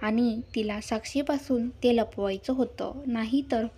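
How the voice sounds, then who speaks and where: A woman narrating a serialized romance story in a calm, measured way. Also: on the high side, slightly rough.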